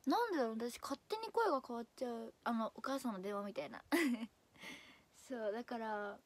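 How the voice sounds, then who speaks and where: A young woman idol chatting casually on a livestream, laughing often and drifting between high and low voice. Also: expressive, fairly quick. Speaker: idol streamer.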